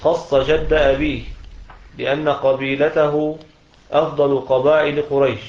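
A man reading a commentary aloud in a lesson, steady and measured, pausing at each phrase. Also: fairly high pitch. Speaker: student reader. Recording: dull echoey lo-fi recording.

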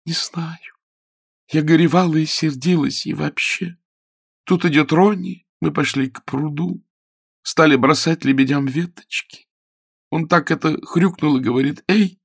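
A man voicing a flighty, upset young woman in a high, girlish falsetto that sounds pleading and excitable. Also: unhurried, gravelly, no room sound, clean studio sound. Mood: aggrieved, recounting. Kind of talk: audiobook character voice.

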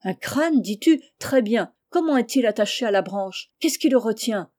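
An obsessive, excitable man barks urgent questions and orders, as a woman reading the story voices him. The delivery is a little higher and louder than her narration, with a warm, mellow tone. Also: normal speed. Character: excitable eccentric man, obsessed treasure seeker.

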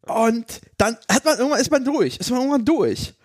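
A man with a high voice and very lively intonation chats as a podcast co-host. He tells anecdotes in slangy, colloquial language. The recording is dry and close. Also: fairly quick, no room sound. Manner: colloquial, drops English slang. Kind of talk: casual chat, anecdotal.

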